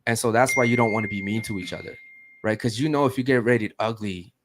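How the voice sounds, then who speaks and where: A man's voice: on the low side, quick pace, a bit bright, a little hiss or hum. A man hosting a casual podcast chat, talking bluntly and dropping "bro" and "man" often. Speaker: podcast host.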